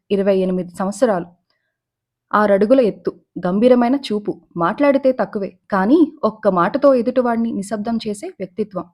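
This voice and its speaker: A woman storyteller reading a scripted love story in a calm, measured way. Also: on the high side.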